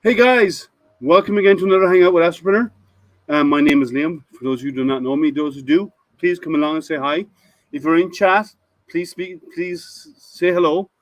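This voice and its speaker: A man's voice: a little high, fairly quick, dry recording, rough recording. A male livestream host with a voice sitting a little above the usual male range. He chats casually and rambles, often stopping and restarting his sentences as he greets viewers. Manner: chatty, rambling with frequent restarts.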